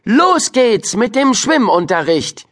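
A man's voice: extremely high pitch, very animated, takes it slowly, a bit bright, voice pushed up, exaggerated voice. A man voicing a strict female schoolteacher in a children's audiobook, speaking in a stern, commanding way. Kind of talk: audiobook character voice.

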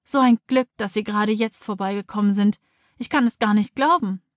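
A woman's voice: mid-range voice, a little fast, dry recording, natural voice. A woman voicing a flustered, anxious female schoolteacher in a children's audiobook. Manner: fussing, alarmed.

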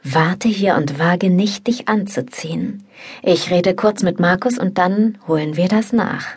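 Woman doing a young man, easygoing, bossy, low, husky, audiobook. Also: normal speed, exaggerated voice. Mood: relaxed. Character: young man, laid-back, confident flatmate and lover. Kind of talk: audiobook dialogue.

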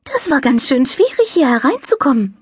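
A woman voicing a cheerful little child angel with a delicate, high voice who speaks overly clearly. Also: big pitch swings, moderate pace, no room sound. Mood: bright, eager.

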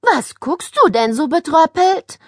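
A woman reading an audiobook voices a chatty, excitable schoolgirl who gushes over everything. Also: high voice, measured pace, dry recording, clean studio sound, voice pushed up. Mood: bubbly. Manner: gushing, excitable. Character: chatty schoolgirl, spoiled but friendly now.

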